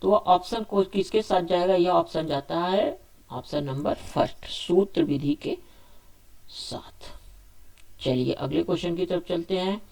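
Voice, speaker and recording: A man's voice: high-pitched, lively intonation, a little slow, gravelly, a little mellow. A male teacher running a spoken exam quiz lesson. He reads each question, asks it aloud and answers it himself, restating the options again and again. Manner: repetitive, restates options several times.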